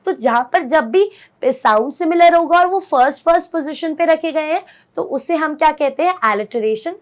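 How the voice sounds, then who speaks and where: A woman's voice: high voice, animated, normal speed. A woman teacher, mixing Hindi and as she explains a poem simply and keeps asking her students questions. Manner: explains simply, often asks the class questions; mixes Hindi and English. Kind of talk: classroom poetry lesson.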